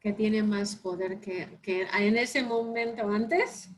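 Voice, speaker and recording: A woman taking part in a Bible study discussion, speaking thoughtfully and pausing to reflect. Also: medium pitch, fairly even intonation, a little hiss or hum, rough recording. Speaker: study group participant.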